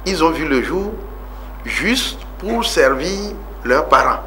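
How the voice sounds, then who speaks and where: This Togolese politician in his forties sits as a guest on a TV interview about his life, his male voice pitched on the high side and bright with a forceful edge. He is very animated yet takes his time, speaking earnestly, filling pauses often and pushing his emphasis upward.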